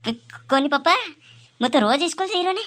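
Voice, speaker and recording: A woman's voice: sits high, animated, normal speed, fairly bright tone. A woman doing a stammering naughty schoolboy. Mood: lying. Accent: Malvi. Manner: stammering, pleading, then cursing. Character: naughty lying schoolboy, scared of his father.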